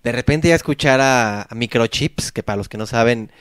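A man with a Mexican accent rambles through stories full of slang. His voice sits at a middling pitch and sounds dry and close. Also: moderate pace, a bit bright, smooth, no room sound. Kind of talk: casual podcast chat.

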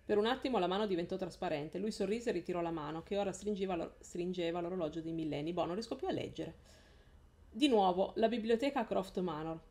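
A woman's voice: lowish voice, fast talker, darkish tone. A woman hosting a live stream, reading a novel aloud in a casual way, often correcting herself and laughing.

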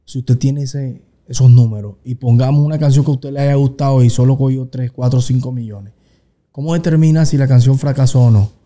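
A man's voice: medium pitch, steady tone, fairly quick, mellow. A man interviewing a guest in a casual, chatty way, asking loose questions. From Colombia.

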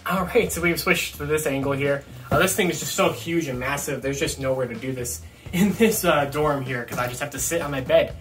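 Brisk and a bit bright, with a voice on the high side, a young adult toy review vlogger chats to camera during a casual unboxing, informal and excited. He's in a small dorm bedroom, and faint music can be heard behind him.

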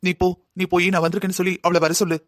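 A man's voice: sits high, level tone, rapid-fire, no echo, studio quality, close to an everyday voice. A man voicing an earnest young husband in a cartoon drama who pleads to see his wife. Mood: pleading.

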